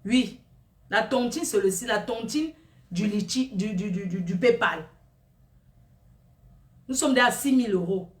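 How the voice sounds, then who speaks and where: A woman doing a comic monologue, gossiping and exclaiming in a lively, animated way. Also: medium pitch, unhurried, pauses often, roomy sound, far from the mic.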